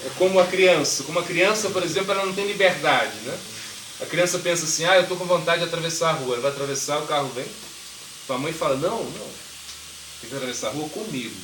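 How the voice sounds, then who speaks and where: A man's voice: a little high, fast. A man as swami giving an informal spiritual talk, conversational, asking the audience questions and acting out voices. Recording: echoey room, mic far off, noisy.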